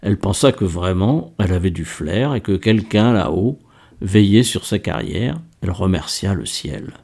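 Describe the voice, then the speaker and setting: Male narrator for a novel: gravelly, dark, steady storytelling. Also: low voice, normal speed. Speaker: audiobook narrator. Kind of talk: scripted narration.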